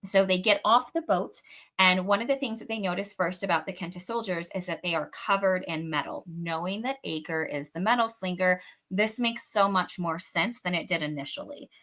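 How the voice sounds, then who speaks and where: A woman's voice: on the high side, sharp tone. A young adult woman hosting a book podcast, chatting casually through a chapter recap with her own theories and the occasional swear word.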